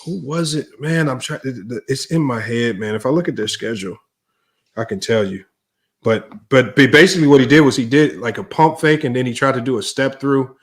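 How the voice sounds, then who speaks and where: A male podcast host at mid pitch, talking loose and unscripted on a live sports debate stream. He rambles, stumbles over repeated words and keeps ending phrases with "man". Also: brisk.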